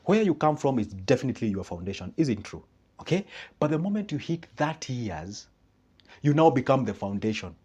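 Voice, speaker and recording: Animated Kenyan man with a husky voice. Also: medium pitch, fairly quick. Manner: animated, rhetorical questions, acts out friends' replies. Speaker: motivational speaker. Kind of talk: motivational talk. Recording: dull lo-fi recording.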